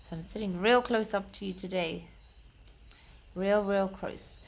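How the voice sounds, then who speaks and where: A woman reads aloud at a children's storytime, speaking directly to young listeners in simple, explanatory language. Her voice is medium-pitched, creaky, and unhurried.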